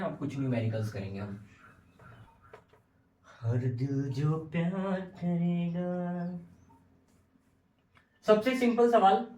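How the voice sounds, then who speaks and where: A high-voiced male teacher walks through a physics lesson. He repeats each question and then gives the answer himself. He sounds a bit distant from the mic, in a room with a lot of echo. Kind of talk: classroom lecture.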